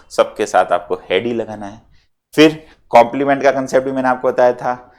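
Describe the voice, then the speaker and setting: A man with a Rajasthani Hindi accent teaching an English grammar lesson to students. He explains step by step, mixes Hindi with English grammar terms, slows down to dictate example sentences and keeps checking with "clear?". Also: fairly low pitch. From India.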